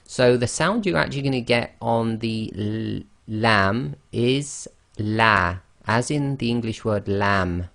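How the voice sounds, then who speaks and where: A man teaching a slide-based online lesson, explaining slowly and carefully and often checking in with "okay". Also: medium pitch, creaky, fairly bright tone. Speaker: Quran recitation teacher.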